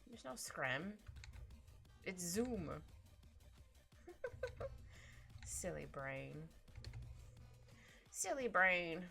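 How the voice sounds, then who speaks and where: A young woman with a slightly stuffy nose streams herself drawing live from a small room at home, speaking extremely slowly in a lowish, gravelly voice with huge pitch swings and frequent pauses. Her tone is bright and forceful as she chats, giggles, talks to her cat and reads chat aloud. Faint music plays in the background.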